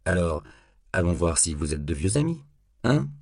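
A man's voice: low-pitched, sing-song, moderate pace, gravelly, a little mellow, no room sound, clean studio sound, full character voice. Man doing a sly, laconic cop partner. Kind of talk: audiobook character voice.

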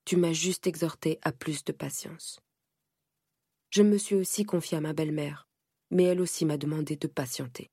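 A woman reading a first-person audiobook in a measured, steady way. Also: deep voice, slightly rough, no room sound, clean studio sound. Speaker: narrator.

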